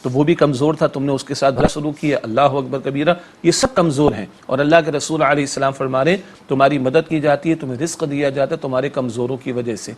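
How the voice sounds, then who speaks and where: A man's voice: medium pitch, steady tone, hardly any pauses. A male Islamic scholar on a religious TV talk show, speaking emphatically and preachily, piling up rhetorical questions and repeated lists.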